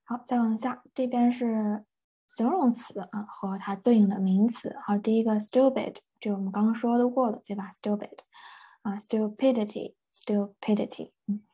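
A woman's voice: on the high side, steady tone, moderate pace, dark tone, breathy edge. A woman teaching an English vocabulary lesson, patiently repeating each word and translating it with many fillers. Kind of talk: vocabulary lesson explaining words.

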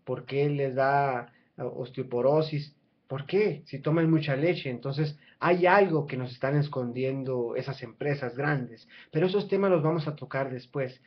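A man's voice: medium pitch, a little slow. A man, hosting his own channel and talking casually and persuasively to the camera from a small room at home, with frequent restarts and fillers. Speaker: channel host. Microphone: webcam at close range. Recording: dull lo-fi webcam audio.

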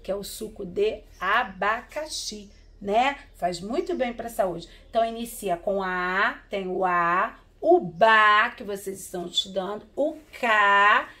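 A primary school teacher with a bright voice gives an online literacy lesson to young children. Her female voice sits at medium pitch, and she is slow and patient, sounding out words syllable by syllable and coaxing them along with frequent "tá?" and "né?".

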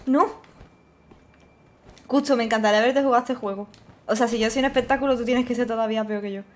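A woman's voice: fairly high pitch, steady tone, rapid-fire. Spanish-accented woman streaming a game. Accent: Spanish from Spain. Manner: swearing, exclaiming and laughing at the game. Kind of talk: casual gameplay commentary. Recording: faint game music behind.

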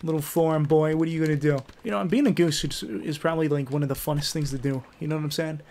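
A young man commentating a game in a rowdy, profane way, yelling taunts at the characters. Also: fairly high pitch, fairly even intonation, fast. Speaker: gaming YouTuber.

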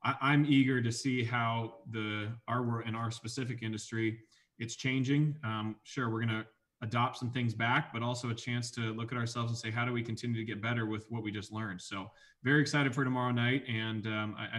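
A man's voice: medium pitch, steady tone, a little fast, a bit bright. A man in his thirties speaking casually as an interview guest on a video call from home. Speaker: athletics administrator, guest. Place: bright room at home. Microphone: computer video call.

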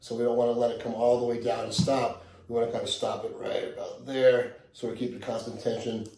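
Talking a little fast at a medium pitch, this middle-aged coach leads a home workout in an easygoing, casual way. A camera several meters off records him in a reverberant living room.

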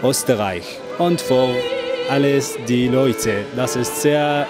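Brief: man, slow, plain cheerful delivery, music behind. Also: medium pitch. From Syria. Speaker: interviewee. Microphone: handheld mic.

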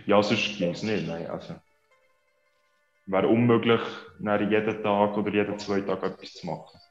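A man in his thirties with a Swiss German accent chats casually as a guest on a video call interview, his voice on the low side and moderately paced. He's a social media creator sitting in a small indoor room, and the call sounds echoey and dull with music behind.

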